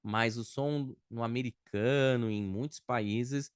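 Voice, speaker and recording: A patient man teaching a beginner English class at an unhurried, deliberate pace. He drills each model word slowly and repeats it several times, and his voice sits at a middle pitch. The recording is close and dry, with no room around it. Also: clean tone, no echo.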